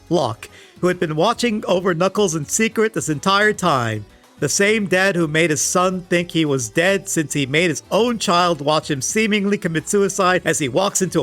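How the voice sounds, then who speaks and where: A man with a fairly high, slightly bright voice delivers scripted comedic commentary as a video essayist reviewing comics. He sounds sarcastic and exasperated, swinging emphatically, with background music playing behind him.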